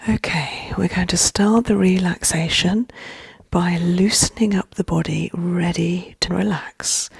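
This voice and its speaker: Her voice lowish this time, the relaxation guide murmurs in a very slow, breathy, soft-spoken ASMR style, frequently dropping into whispers. Fry slips into her hushed tone, she remains soothing throughout, and there's no room sound.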